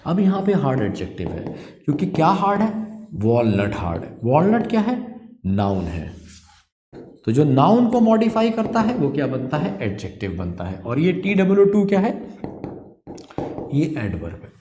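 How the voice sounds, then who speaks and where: An Indian man teaches English grammar in an online exam-prep class, posing rhetorical questions and answering them himself. His mellow voice swings widely in pitch. He sounds like he is in an echoey room. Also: normal speed. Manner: lively, explains with rhetorical questions.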